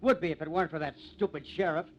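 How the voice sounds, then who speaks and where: Sneering and combative, an actor voices a resentful, quick-tempered young farmer's son contemptuous of lawmen, in a bitter, scornful 1950s radio drama. He talks fast in a higher-than-average voice close to his everyday tone, and the old radio recording is muffled and noisy.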